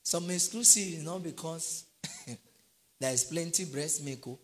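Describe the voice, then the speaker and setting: A man's voice: a little high, a little slow. A middle-aged man preaching a sermon, quizzing his congregation with call-and-response questions. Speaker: pastor.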